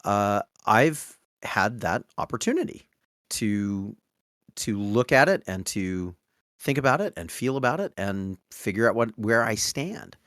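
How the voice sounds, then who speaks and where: Low-voiced man, thoughtful and halting. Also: sing-song, a bit bright, dry recording, studio quality. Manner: thoughtful, searching for words. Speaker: podcast co-host. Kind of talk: casual book discussion.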